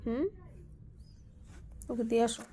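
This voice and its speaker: A woman's voice: measured pace, mellow. A woman chatting at home at night, coaxing and scolding a pet in a casual way. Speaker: pet owner.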